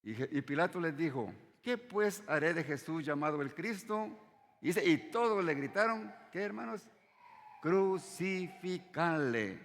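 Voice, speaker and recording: A man preaching a sermon in a church, his voice carried by a long hall reverb. He keeps addressing the congregation as brothers, rising on key words and sinking low at the ends of phrases. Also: expressive, normal speed, fairly bright tone. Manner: repeats "hermanos" often, dropping his voice low at phrase ends.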